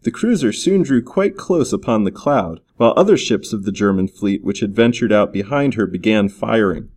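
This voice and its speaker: A man narrating an adventure story in an expressive, storytelling manner. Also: fairly low pitch, normal speed. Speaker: audiobook narrator. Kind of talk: scripted narration.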